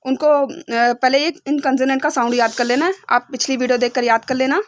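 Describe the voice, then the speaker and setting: A young woman with a high, bright-pitched voice teaches beginner phonics. She spells out each letter sound slowly and patiently, pausing often to check her learners follow. The sound is close and dry, with no room echo. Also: steady tone. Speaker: English teacher.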